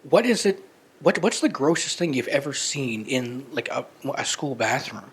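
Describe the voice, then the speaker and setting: A man's voice: mid-range voice, sing-song, normal speed, a little hiss or hum. A man co-hosting a podcast in casual banter, rambling with lots of restarts. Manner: rambling, many restarts and fillers. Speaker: podcast co-host.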